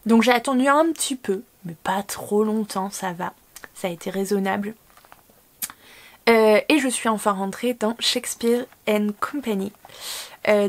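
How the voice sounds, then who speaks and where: A woman book vlogger chatting casually, rambling with many fillers and self-corrections. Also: medium pitch. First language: French. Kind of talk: casual chat.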